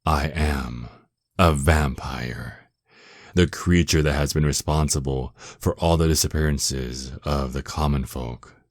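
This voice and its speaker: A man playing a dominant, seductive, menacing male vampire lord in an ASMR roleplay, with a very deep voice and a possessive, taunting, mock-tender manner. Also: takes it slowly, no room sound, studio quality, full character voice. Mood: gloating, sinister. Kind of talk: ASMR roleplay, intimate scripted monologue.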